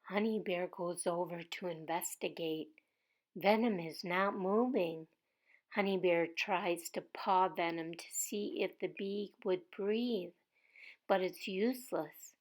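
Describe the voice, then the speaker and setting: A woman reading a children's story aloud, soft and at times whispering. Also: lowish voice. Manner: slow, soft, sometimes whispering.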